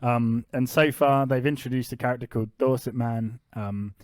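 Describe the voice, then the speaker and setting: A man's voice: medium pitch, fairly even intonation, a little mellow, no echo. Guy hosting a comedy podcast, chatty, dry close sound. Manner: chatty, laughs often, explains things quickly. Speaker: podcast host and narrator. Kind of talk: casual comedy podcast chat.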